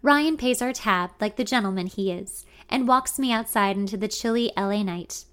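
A young adult woman narrating a first-person story in an intimate, expressive way. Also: mid-range voice, normal speed.

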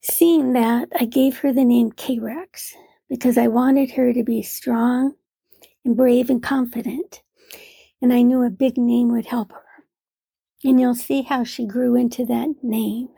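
A woman telling a gentle personal story about her cat in a soft, half-whispered voice. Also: a little high, steady tone, a little slow, creaky, breathy edge, no echo.

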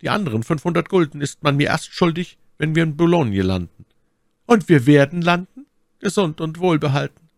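A man's voice: fairly high pitch, lively intonation, normal speed, creaky, no room sound, clean studio sound, pitched above the performer's own voice. A man doing a boisterous, greedy sea captain. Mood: bargaining. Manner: loud, hearty and raised. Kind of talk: audiobook reading.

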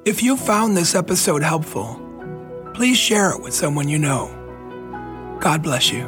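A man giving a slow, reflective homily as a priest, pausing gently between phrases. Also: fairly high pitch, big pitch swings, music in the background. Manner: slow, gentle, thoughtful pauses.

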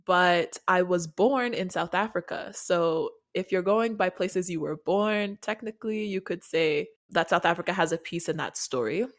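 A woman's voice: on the low side, normal speed, few pauses. A woman from Nigeria co-hosting a podcast, talking in a thoughtful, earnest way with small laughs. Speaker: podcast co-host. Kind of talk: casual podcast chat.

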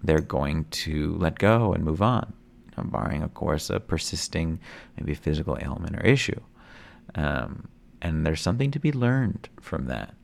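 A man's voice: a bass voice, lively intonation, normal speed, gravelly. A man hosting a stream-of-consciousness podcast, musing reflectively in a rambling way with many fillers and restarts. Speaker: podcast host.

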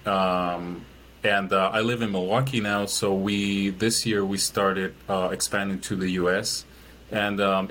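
Man from Chile, hesitant, low voice. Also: fairly bright tone, a little hiss or hum, rough recording. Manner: hesitant, many fillers and restarts. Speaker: guest, business owner. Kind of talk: casual interview answers.

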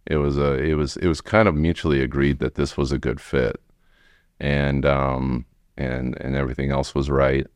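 Very deep-voiced American man, rambling. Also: level tone, clear, resonant tone, no room sound, studio quality. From United States, Wisconsin. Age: 40s. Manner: rambling, halting, frequent "you know". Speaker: podcast guest, remodeling tradesman. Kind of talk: casual interview storytelling.

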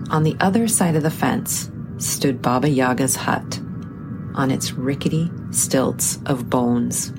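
A woman narrating a folk tale in a measured, dramatic storytelling style. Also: low voice.

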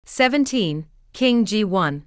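Clear, slow woman announcing chess moves. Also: mid-range voice, lively intonation, dry recording, studio quality. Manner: clipped announcements, move by move. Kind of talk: scripted reading of game notation.

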